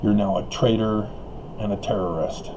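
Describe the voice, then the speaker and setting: In a muffled recording with background noise, a man with a fairly low pitch speaks at a moderate pace in a steady tone. He's an online video commentator delivering a rambling solo talk, chuckling between remarks, stumbling over fillers and restarts, and coughing as his voice tires.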